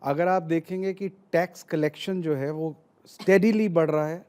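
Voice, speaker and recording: A man with a fairly high but mellow voice argues his point as a panelist in a news discussion. He talks in an opinionated way, setting out his own view. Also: steady tone, moderate pace, clean tone. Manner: opinionated, argumentative.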